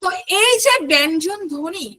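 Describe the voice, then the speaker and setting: A woman's voice: very high-pitched, animated, normal speed, bright, forceful tone, slight background noise. A woman teaching an online exam-prep lesson, explaining step by step and putting questions to her students.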